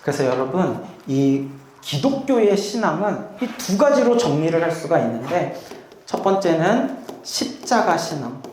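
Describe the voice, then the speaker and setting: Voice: mid-range voice, very animated, measured pace, darkish tone, echoey room, slight background noise. A pastor preaching a sermon in a church, often putting rhetorical questions to the congregation. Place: church sanctuary.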